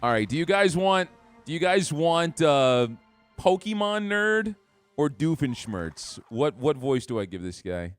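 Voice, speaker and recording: A man giving excitable, jokey commentary while playing a game on a live stream. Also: a little high, unhurried, clear, resonant tone, soft background music. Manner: excitable, jokey trash talk.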